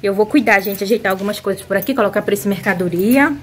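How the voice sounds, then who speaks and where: A woman from Belém with a Paraense accent, chatting casually to her viewers in a home vlog, lively and quick to exclaim, filmed on a handheld phone around her yard and rooftop. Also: medium pitch, slight background noise. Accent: Paraense Brazilian Portuguese. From Belém, Pará, Brazil. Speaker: vlogger.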